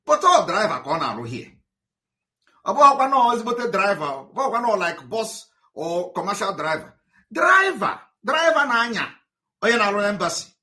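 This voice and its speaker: Here a man speaks at normal speed in a high, very animated voice with a bright, forceful tone. Addressing livestream followers, he alternates between English and Igbo. He argues combatively and frequently stumbles over repeated words and fillers.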